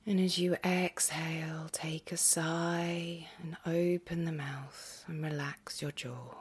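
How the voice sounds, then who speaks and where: Leading a yoga nidra session, this woman has a deep, steady voice that is breathy, husky and frequently close to a whisper. She is gentle and unhurried, hushed and very slow, leaving long pauses in her soothing guidance.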